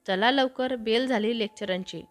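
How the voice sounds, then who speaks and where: A woman voicing a calm young female friend in a storybook tale, with a gentle, placating tone. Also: fairly high pitch, moderate pace, lightly acted. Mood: soothing.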